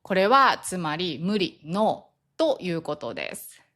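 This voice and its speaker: Slow-speaking woman teaching Japanese. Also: fairly low pitch. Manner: acts out example phrases with lively shifts in tone. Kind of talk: slow, clear language lesson.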